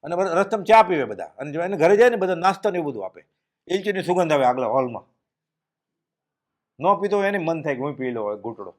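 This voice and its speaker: A man giving a devotional discourse, telling stories and dropping his voice low and quiet at solemn moments. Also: sing-song, fast. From Gujarat, India. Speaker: spiritual speaker giving a discourse.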